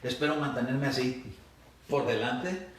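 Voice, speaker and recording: A man's voice: mid-range voice, a little slow, a little hiss or hum. A male pastor preaching a sermon, telling a personal story with hesitant restarts and acted quotes. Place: church hall. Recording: echoey hall, distant mic.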